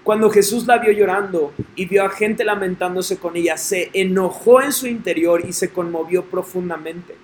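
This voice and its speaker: A man's voice: sits high, moderate pace, hardly any pauses, slight background noise. A man reading scripture and preaching earnestly, asking listeners direct questions. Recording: echoey room with faint ambience.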